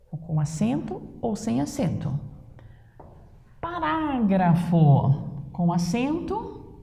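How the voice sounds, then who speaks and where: Brazilian woman teacher, slow didactic delivery, gravelly low tone; echoey room. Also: warm tone. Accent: Brazilian Portuguese. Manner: didactic, repeats words slowly and stresses them. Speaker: Portuguese teacher. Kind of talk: online grammar lesson. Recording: echoey room with long reverb.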